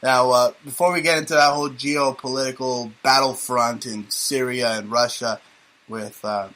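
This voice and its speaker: Brief: male talk show host, sardonic and rambling, bright mid-pitched voice. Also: fairly even intonation, moderate pace, poor audio. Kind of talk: casual talk radio banter.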